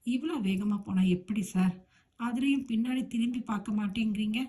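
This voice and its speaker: A woman voicing a lively, teasing young city woman in an audiobook, talking chattily and easily startled. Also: medium pitch, normal speed, close to an everyday voice. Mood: pleading. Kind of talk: audiobook character voice.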